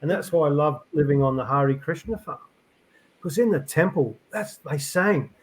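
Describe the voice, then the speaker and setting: A middle-aged man, a podcast guest, talking reflectively in a rambling, halting way full of fillers and restarts. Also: fairly high pitch, low-quality recording. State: tearful. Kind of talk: reflective conversational interview.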